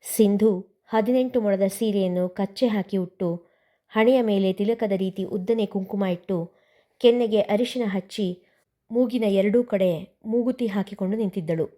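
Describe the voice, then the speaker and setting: A woman narrating a family story serial in a calm, steady reading voice. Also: medium pitch, a little slow.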